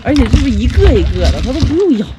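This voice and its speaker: A woman's voice: high voice, very animated, rapid-fire, very noisy. A woman on a trip, chatting casually and cooing at the dogs, mixing Mandarin and English. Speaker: travel companion. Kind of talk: casual chat. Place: outdoor sled dog kennel.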